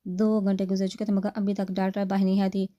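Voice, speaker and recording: Mellow woman narrating a romance novel. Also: mid-range voice, flat delivery, muffled recording.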